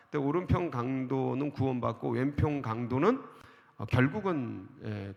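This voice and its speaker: A man's voice: medium pitch, vocal fry. A male pastor preaching a sermon at an early-morning church service. He keeps asking the congregation questions, answers them himself, and reads scripture verses aloud. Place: church sanctuary. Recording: long hall reverb of a church.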